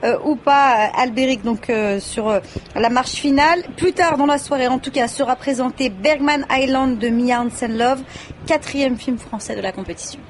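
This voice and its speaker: Female news anchor, high voice, polite handoffs to a reporter. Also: moderate pace, a little hiss or hum. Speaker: news presenter.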